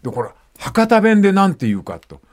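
Speaking quite quickly in a high voice, an older man runs a relaxed radio talk slot where he reads letters from listeners and brings dialect phrases to life through lively storytelling.

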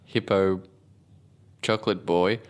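A man's voice: sits low, fairly even intonation, slow pace, clear, resonant tone. A man, co-hosting a comedy podcast with dry, playful reactions. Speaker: podcast co-host. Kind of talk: casual comedic chat.

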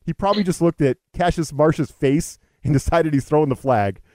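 A man hosting a sports podcast, venting with an animated, exasperated edge. His voice is dark and mellow, and it sits dry and close with no room around it. He talks in quick, loose bursts. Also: a little high, no room sound. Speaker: podcast host. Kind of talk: casual sports talk.

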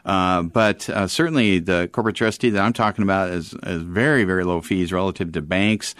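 Deep-voiced man explaining finance on radio. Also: a little fast, a bit bright, no echo, studio quality. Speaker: financial advisor, show expert.

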